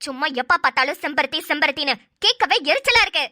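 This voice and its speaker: Sly, spiteful young bride in a cartoon; very high, bright tone. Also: female voice, expressive, fast talker. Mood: scornful scheming. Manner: fake sobbing in a high voice. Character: scheming newlywed young woman, spiteful and sly. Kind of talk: cartoon voice acting.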